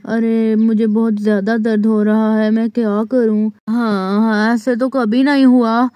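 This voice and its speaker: Woman doing a young husband in a doll story, groaning, pleading, warm low-ish voice, dry sound. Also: little pitch movement, measured pace, dry recording, close to an everyday voice. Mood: pained. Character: young village husband with bad stomach ache. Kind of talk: doll story role-play.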